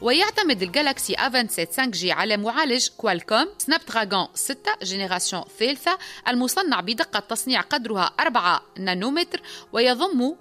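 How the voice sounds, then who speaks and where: A woman's voice: on the high side, sing-song, fast talker, bright, forceful tone. A woman presenting a scripted tech news segment on radio, with music behind her.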